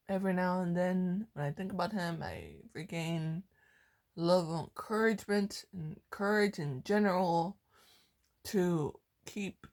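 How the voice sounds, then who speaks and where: A woman vlogging a casual toast, hyper and giggly at times, soft and heartfelt at others. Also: lowish voice. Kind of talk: casual fan vlog toast.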